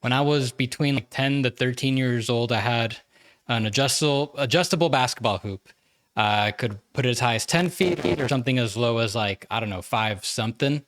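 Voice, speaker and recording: A man co-hosting a sports podcast in casual chat, with a halting, rambling delivery. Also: medium pitch, a bit bright.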